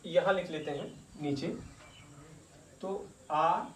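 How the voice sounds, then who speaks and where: A man teaching a grammar lesson, speaking slowly and repeating and drawing out each sound. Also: on the high side. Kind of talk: slow classroom-style grammar lesson. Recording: echoey room, distant mic, faint noise.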